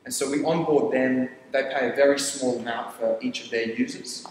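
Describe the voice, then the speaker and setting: In a casual interview on an armchair studio set, a young founder from Papua New Guinea who first spoke Tok Pisin rambles about his startup. He lists ideas quickly and restarts phrases in a mid-pitched voice with fairly even intonation. Faint hiss runs underneath, and a long reverb rings through the echoey room.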